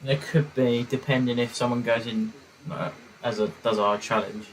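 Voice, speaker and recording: A man's voice: medium pitch, fairly even intonation, normal speed, slight background noise, poor audio. A young man chatting casually on a football watchalong live stream, hesitant and full of fillers. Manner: rambling, hesitant, lots of fillers.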